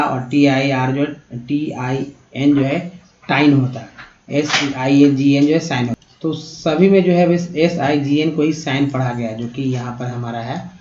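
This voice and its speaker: A man teaches beginners in a patient, step-by-step way, talking to his listeners as friends. His voice sits at an ordinary middle pitch. The recording is roomy and a little dull. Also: slight background noise. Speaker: English teacher. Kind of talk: explaining English pronunciation to beginners.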